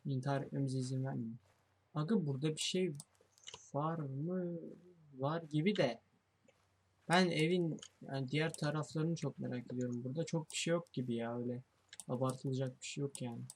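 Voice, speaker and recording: A young man talks fairly quickly in a mid-range voice with a breathy edge, swearing and getting jumpy while commenting on his horror-game let's play. He thinks aloud throughout, addressing his viewers.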